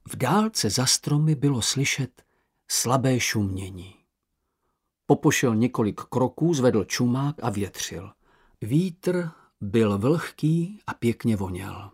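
A man narrating a children's audiobook with expressive storytelling. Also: mid-range voice, breathy edge.

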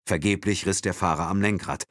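A man narrating a thriller audiobook in a dramatic, expressive reading. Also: low-pitched, brisk, no echo, clean studio sound.

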